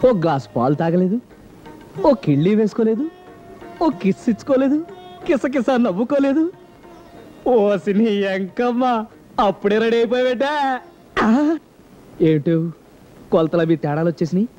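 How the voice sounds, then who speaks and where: An actor playing a flustered, wisecracking young bridegroom in a film comedy, with quick, exclamatory delivery. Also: male voice, high-pitched, expressive, darkish tone, faint music behind.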